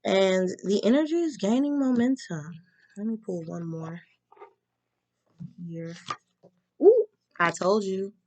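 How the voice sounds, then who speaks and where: A young woman giving a casual tarot reading, talking frankly and slowing down to stress her advice. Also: medium pitch, lively intonation, darkish tone, no room sound. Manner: candid, advice-giving, slows down for emphasis. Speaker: tarot reader.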